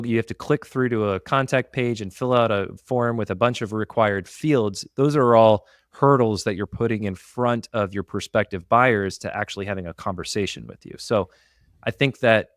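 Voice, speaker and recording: A man co-hosting a business podcast, explaining marketing examples in a steady, detailed, casual way. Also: on the low side, dry recording, studio quality. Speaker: podcast co-host.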